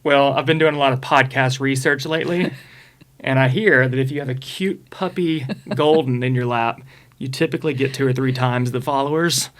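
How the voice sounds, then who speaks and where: A man's voice: medium pitch, fairly even intonation, normal speed, fairly bright tone. A man race director hosting a casual podcast from an office, easygoing and joking, sometimes correcting himself mid-sentence.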